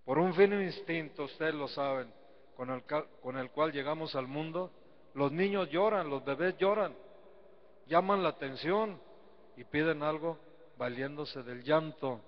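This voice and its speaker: A man's voice: a little high, measured pace. Male priest, folksy sermon, calls for congregation replies, dull lo-fi stream with a long church reverb. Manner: asks rhetorical questions and calls for congregation replies; folksy, teasing preaching. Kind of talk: sermon and prayer at Mass. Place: church sanctuary.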